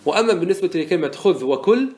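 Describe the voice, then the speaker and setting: A man with a high-pitched, expressive, slightly mellow voice races through a lecture on Arabic morphology, explaining a didactic poem verse by verse. Patient despite the pace, he poses rhetorical check questions and often repeats or restarts words as he thinks aloud.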